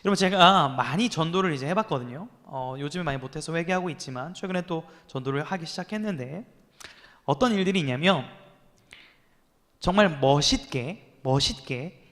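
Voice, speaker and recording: Pastor, man, 30s, high voice, youth sermon, storytelling style, long hall reverb. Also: fairly bright tone. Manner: storytelling with acted quotes and rhetorical questions to listeners.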